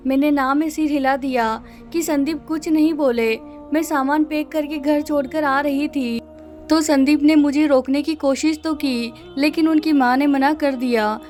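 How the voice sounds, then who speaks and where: High-voiced woman narrating a sad story. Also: darkish tone. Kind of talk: scripted first-person story narration.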